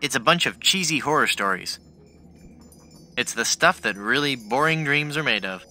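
A man's voice: mid-range voice, expressive, normal speed, bright, forceful tone. A man playing a boyish, hapless, wisecracking young adventurer in a cartoon adventure game, speaking in an earnest, wry, exclamatory way.

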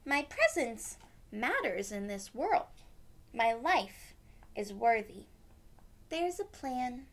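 A young adult woman, a read-aloud storyteller for children, reads a picture book to small kids at an unhurried pace, offering gentle, simple explanations. Her fairly high voice has a creaky edge and a sing-song quality, recorded in a room at home.

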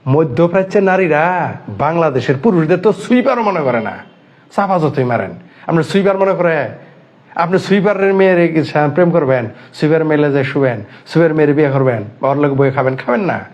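Man from Bangladesh, heated online commentator, fairly high voice, pounding rhetorical questions, dull lo-fi sound. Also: animated, a little fast, darkish tone. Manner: indignant, fires rhetorical questions and repeats phrases.

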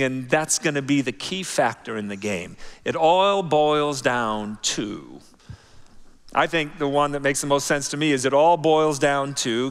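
A man preaching a sermon as pastor, talking in an animated, conversational way that drops to soft, quiet phrases. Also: mid-range voice, smooth. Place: large church auditorium. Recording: long church hall reverb.

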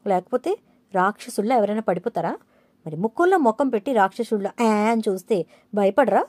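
A woman voicing a feisty, witty young wife who answers back with sharp retorts. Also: mid-range voice, lively intonation, no echo, lightly acted. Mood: retorting. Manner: quick, sassy retorts.

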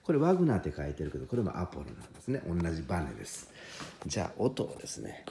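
A low-voiced man talks softly so he won't wake the neighbours, his gravelly tone rising and falling as he shows off a piano. His voice is mellow and dark, and quiet piano notes sound behind him. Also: wildly swooping pitch, racing, roomy sound, a little hiss or hum. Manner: speaking quietly, half-whispered, on purpose. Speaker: piano shop owner presenting a piano. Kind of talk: hushed late-night product demo. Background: soft piano playing.

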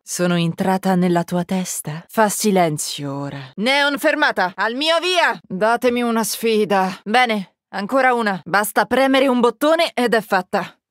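Voicing a threatening young female agent for a game, an actress delivers clipped, icy, mocking lines with a cool, menacing mood. Her mid-range voice sounds natural, animated and measured in pace, captured dry and close in the studio without room sound.

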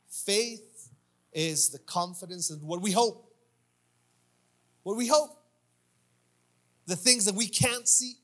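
On a church stage, a pastor in his thirties preaches into a handheld mic, keeping his sermon informal and conversational and repeating phrases for emphasis. His voice sits high with a fairly bright tone.

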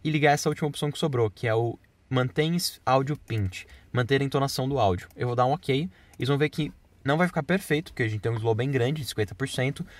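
Fast-talking tutorial man. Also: medium pitch. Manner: casual, explains step by step to viewers. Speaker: video editing instructor. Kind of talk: screen-recorded software tutorial.

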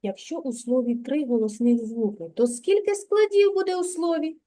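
A woman teaching a young child to read in a kindergarten lesson, speaking slowly and patiently with lots of praise. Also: high-pitched, warm tone. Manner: slow, patient, praising, sing-song. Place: kindergarten classroom.

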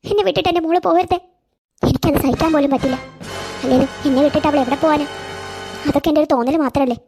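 Brief: woman voicing a fretful old cartoon grandma, slow and doting, fairly high voice. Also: music in the background. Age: older.

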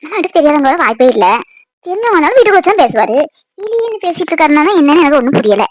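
A woman voices a nosy female relative in a cartoon, musing and gossiping about the family in asides. Her voice is very high and the sound is close and dry. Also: big pitch swings, racing, no echo, low-quality recording. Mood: curious. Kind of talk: cartoon voice acting.

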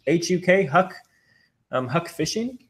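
A man in his thirties co-hosts a casual reseller livestream from a living room couch, upbeat as he shows items to the camera. His voice is a little high and slightly rough, with lively intonation and an unhurried pace. He's picked up by a fixed camera across the room.

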